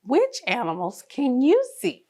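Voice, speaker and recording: Reading a picture book aloud for toddlers, this woman uses a sing-song, encouraging, child-directed delivery. Her high voice is warm and unhurried, swinging hugely in pitch.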